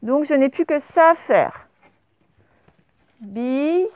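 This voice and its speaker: Slow and expressive, a woman's high voice leads a primary school spelling dictation from behind a face mask, each syllable drawn out and letters spelled aloud. The recording is dry yet narrow and phone-like, with traffic noise audible through open doors.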